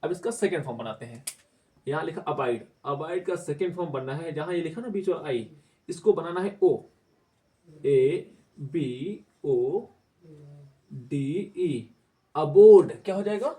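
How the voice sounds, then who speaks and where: A man's voice: on the high side, expressive, fairly quick, darkish tone, recorded from a distance. A man teaching English vocabulary, repeating each word aloud several times and quizzing the class. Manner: drills words aloud in repetition, asks the class questions. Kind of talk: spoken English lesson.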